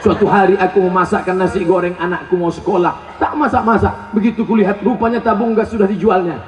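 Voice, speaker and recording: A man's voice: high-pitched, steady tone, fast, background noise, close to an everyday voice. A man doing a blunt, unbothered widow. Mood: flat, unbothered. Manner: matter-of-fact complaining. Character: unbothered middle-aged widow, blunt and weary. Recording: roomy lo-fi sound from a distant mic.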